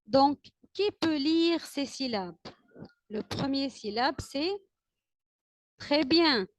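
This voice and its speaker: A woman teacher with an Arabic-speaking accent, leading a classroom alphabet lesson with slow, drawn-out repetition of letters and words and frequent praise. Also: high voice, lively intonation, dry recording.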